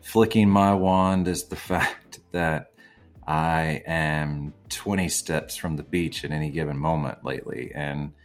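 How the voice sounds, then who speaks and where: A man hosting a podcast in a loose, casual chat, rambling with lots of fillers and the odd swear word. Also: a bass voice. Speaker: podcast host.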